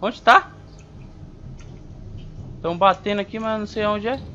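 A man's voice: high voice, a little slow, pushed and bright. Jumpy man narrating gameplay. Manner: jumpy, talks back to the game, slangy. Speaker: gamer playing a horror game. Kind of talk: casual let's-play commentary. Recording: slightly dull home recording with faint noise.

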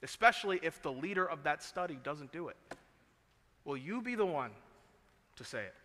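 A pastor preaching a sermon, moving from quiet earnest passages to loud, emphatic peaks. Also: male voice, fairly high pitch, lively intonation, moderate pace. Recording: long hall reverb.

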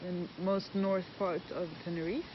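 A woman's voice: on the low side, little pitch movement, moderate pace, background noise. A young woman chatting casually in a travel vlog, playful and dryly teasing. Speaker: vlogger. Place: holiday apartment indoors, then outdoors in a windy forest. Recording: roomy, distant, dull camera audio.

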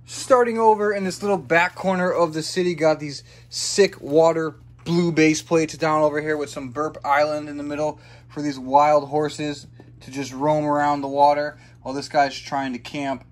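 A man's voice: on the high side, little pitch movement, normal speed. Upbeat young man chatting through a hobby vlog. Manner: chatty and upbeat, thinking aloud. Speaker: YouTuber showing his toy brick city. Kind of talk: casual walkthrough vlog. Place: indoor hobby room with a tabletop model city.

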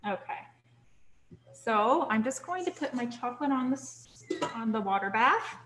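A young woman teaching a cooking class in a kitchen, relaxed and chatty, checking in with "okay?" as she goes. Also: on the high side, measured pace. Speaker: cooking instructor. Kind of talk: live online cooking class.

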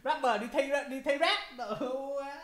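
A man's voice: very high voice, moderate pace, a bit bright. A man hosting a reaction video, exclaiming often, laughing and repeating lines from a rap song. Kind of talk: excited reaction commentary. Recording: echoey room with music playing. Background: hip hop music.

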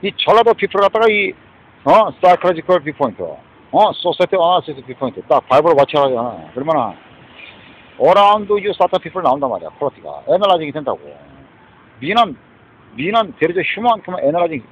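In a slightly high, sing-song voice at normal speed, a man with a Korean accent goes on an angry, meandering street-preacher rant. He curses a lot, blends Korean with English, and throws in a challenging "eh?" again and again. The lo-fi recording is dull, with slight background noise.

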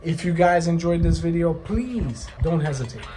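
A man casually talking to viewers in a vlog, relaxed and chatty, at times out of breath. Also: fairly high pitch, fairly quick, noisy background. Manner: relaxed, chatty, addresses viewers as you guys. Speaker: e-bike vlogger. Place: outdoors on open roads.

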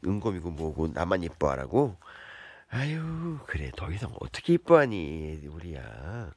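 A man's voice: low voice, wildly swooping pitch, measured pace, breathy edge, no room sound. Sing-song man coaxing his pets. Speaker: pet vlogger. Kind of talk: casual narration to pets.

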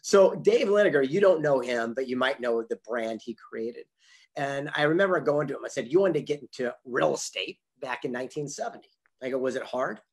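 Brisk and lively in intonation, this husky man in his fifties sits at medium pitch as he animatedly tells motivational stories, acting out the dialogue. The motivational speaker and author is an interview guest on a video call from a home office with a memorabilia wall, using a computer mic.

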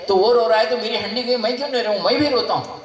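A man voicing an old wandering yogi saint who wails loudly and teases a grieving king. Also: high voice, fairly quick, voice pushed up. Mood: mocking. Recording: echoey hall, mic far off.

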